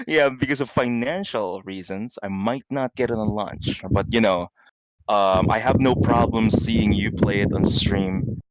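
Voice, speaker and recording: A man's voice: on the low side, a little slow, highs cut off. A man co-hosting a podcast in casual chat, joking and laughing often. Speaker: podcast co-host.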